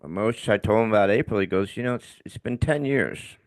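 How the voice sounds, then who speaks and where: A man's voice: lowish voice, a little fast, dry recording, studio quality. A middle-aged man with a slight lisp, a podcast guest telling frank, self-deprecating stories in a conversational interview.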